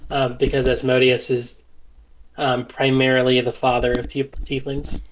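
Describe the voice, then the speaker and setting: A man's voice: medium pitch, completely flat delivery, normal speed, slight background noise, poor audio. Man, game master, casual narration, lots of ums. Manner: casual, filler-heavy narration.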